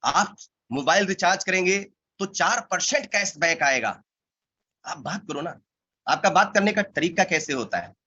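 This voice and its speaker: A man with a high voice and a bright, forceful tone delivers an emphatic motivational training talk to his sales team. He hammers single words over and over and throws out rhetorical questions. The recording sounds dull and lo-fi. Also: animated, normal speed, husky. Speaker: network marketing team trainer.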